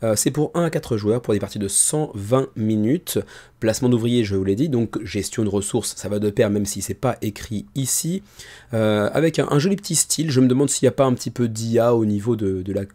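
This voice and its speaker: Soft-spoken man, mellow and chatty. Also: fairly low pitch, fairly quick. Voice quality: tired voice, held back to spare it. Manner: informal, chatty, self-deprecating. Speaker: host of a board game crowdfunding video show. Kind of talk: casual presenter talk, kept low and soft. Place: small room indoors. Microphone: microphone about ten centimetres from the mouth.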